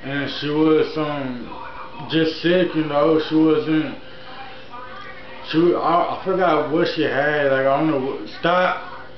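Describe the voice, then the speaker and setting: A man's voice: on the high side, fairly even intonation, slow. A man in his early twenties telling a personal story in a casual, rambling vlog style, often repeating himself. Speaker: YouTuber, channel host. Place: indoor room at home, TV on. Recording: echoey room, dull sound, faint noise.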